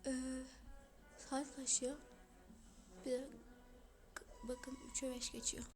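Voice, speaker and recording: A woman with a cold who vlogs from home into her phone. She talks in a hoarse, half-whispered, breathy voice and chats straight to her viewers. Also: high-pitched, little pitch movement, takes it slowly, darkish tone, soft background music. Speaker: vlogger. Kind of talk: casual home vlog. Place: at home, indoors. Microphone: phone camera.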